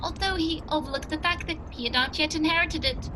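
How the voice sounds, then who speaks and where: A woman's voice: sits high, fairly quick, background noise, natural voice. A woman playing a genial old English doctor who tells a mystery tale in an earnest, old-fashioned 1940s radio style. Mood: grave storytelling.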